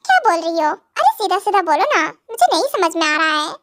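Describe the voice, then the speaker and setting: A woman's voice: very high-pitched, big pitch swings, brisk, fairly bright tone, no room sound, studio quality, pitched below the performer's own voice, exaggerated voice. A woman voicing a playful, teasing young husband in a fan audio drama, joking and calling his wife baby. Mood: puzzled.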